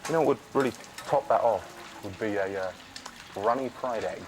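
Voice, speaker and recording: A man's voice: lowish voice, brisk, noisy background, natural voice. An actor playing an awkward male doctor in a TV soap who fumbles his words and fixates on food. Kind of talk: TV soap acting.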